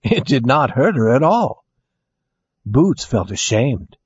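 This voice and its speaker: Husky man reading a lively storybook. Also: mid-range voice, takes it slowly. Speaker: narrator. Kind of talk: storybook read-aloud. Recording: dry, dull lo-fi sound.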